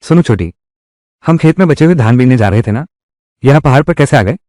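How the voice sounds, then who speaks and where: A man's voice: mid-range voice, expressive, fairly quick, a little mellow, dry recording, studio quality, lightly acted. A man voicing a young older brother who scolds his little sister. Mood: puzzled.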